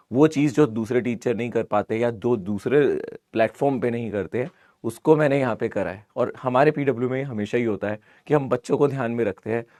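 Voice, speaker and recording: A man with a hoarse, sore voice, chatting casually as a live online physics teacher. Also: fairly low pitch, a little mellow, no room sound, studio quality. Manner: chatty, repeats greetings, mixes English into Hindi. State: hoarse, sore throat from fever. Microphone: close mic, amplified.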